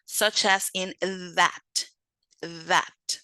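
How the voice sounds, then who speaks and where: Slow, methodical woman teaching phonetics. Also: on the low side, steady tone, sharp tone, no room sound, rough recording. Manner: slow, methodical, repeats example words. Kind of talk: lecture.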